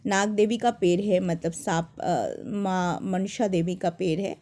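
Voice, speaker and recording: A young woman telling personal stories to viewers in a casual, animated way, often restarting her sentences. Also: on the low side, unhurried. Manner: animated, dramatic retelling with many restarts. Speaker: storyteller.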